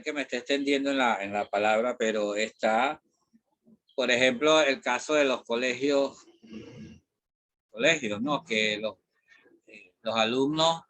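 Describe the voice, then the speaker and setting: A middle-aged Venezuelan man speaks as a math teacher in a casual, digressive classroom talk. His pitch sits in an ordinary middle range, and he loops through fillers and mild curses as he goes. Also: a bit bright. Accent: Venezuelan Spanish. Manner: rambling, digressive, with frequent fillers and mild swearing.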